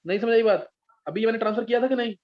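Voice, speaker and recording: A man's voice: extremely high pitch, racing. A man teaching chemistry in a live class, patiently explaining step by step and often checking whether his students follow. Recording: dull lo-fi sound.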